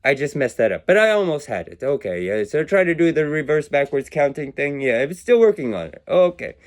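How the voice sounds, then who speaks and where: A man's voice: on the high side, very animated, a little fast. A man giving a rambling, philosophical monologue about numbers, meandering and self-mocking, his accent drifting in and out. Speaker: video creator musing on numbers and words.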